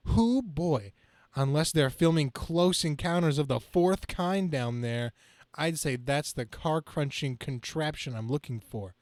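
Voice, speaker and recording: A man's voice: on the high side, a little slow, darkish tone, dry recording, close to an everyday voice. A man reading the part of Spider-Man, a brash, quippy young superhero, in an amateur comic-book reading, stumbling over the script now and then. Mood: flippant, wisecracking.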